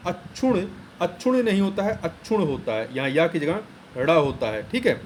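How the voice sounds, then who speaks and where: High-voiced man walking through exam answers. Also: sing-song, moderate pace, a little hiss or hum. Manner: explains step by step, repeats key words, plain teaching tone. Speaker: exam tutor. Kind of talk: exam answer explanation lesson.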